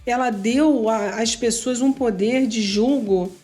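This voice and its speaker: A woman's voice: fairly high pitch, slow, warm tone, soft background music. A woman hosting an interview, talking things through in a thoughtful, conversational way. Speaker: host. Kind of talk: casual interview chat.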